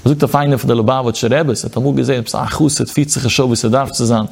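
Gravelly man giving a sing-song Torah lecture. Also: medium pitch, fairly even intonation, very fast, darkish tone. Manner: chanting sing-song study cadence, mixing in Hebrew quotations. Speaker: rabbi teaching Torah. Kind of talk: Yiddish-inflected Torah lecture.

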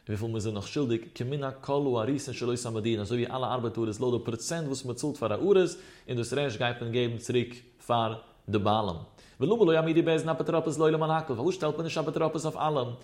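Male Talmud teacher, races through the text at a breakneck clip, emphatic and swinging in pitch. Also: racing, a little mellow. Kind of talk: Talmud study lecture.

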